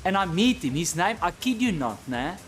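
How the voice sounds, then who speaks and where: A man with a South African accent telling a stand-up comedy story, loose and animated with a lot of swearing. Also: sits high, moderate pace.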